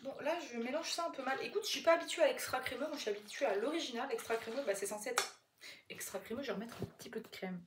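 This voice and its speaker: A woman's voice: fairly high pitch, quick pace. Chatty young woman, French-Québécois accent. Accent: mixes French and Québécois accents. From Quebec. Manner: chatty, rambling, swears freely. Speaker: vlogger. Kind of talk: casual chat while cooking. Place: home kitchen. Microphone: phone camera. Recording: echoey room with steady background noise.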